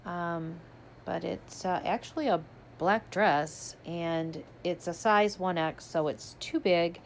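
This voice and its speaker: A woman's voice: lowish voice, slow pace, a little hiss or hum. A woman chatting casually as she unboxes a subscription box, describing each item as she pulls it out. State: hiccuping. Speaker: unboxing vlogger.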